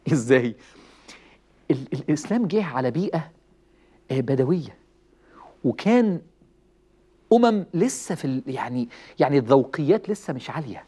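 A man with an Egyptian Arabic accent giving a lively religious talk, telling stories, chuckling and acting out quoted lines. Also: on the high side, breathy edge. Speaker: preacher.

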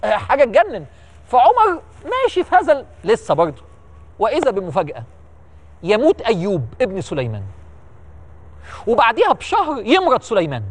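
Fast, animated Egyptian storyteller man. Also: extremely high pitch. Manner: animated, emphatic, repeats words for effect. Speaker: religious history storyteller. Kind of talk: lively storytelling lecture.

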